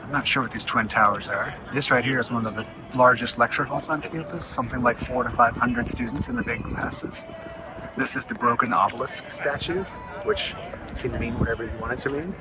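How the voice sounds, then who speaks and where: Animated and fairly quick, a middle-aged man with a medium-pitched voice narrates his walking campus tour vlog, partly outdoors and partly inside. He's enthusiastic and breezy about specifics. The audio carries urban street noise and traffic.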